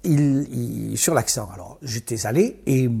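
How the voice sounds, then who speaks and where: A man from southern France talks in an interview, his tone dark and mellow. His voice is deeply husky. He speaks reflectively and with animation, often breaking off and restarting his sentences. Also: a little slow. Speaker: interview guest. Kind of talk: conversational interview.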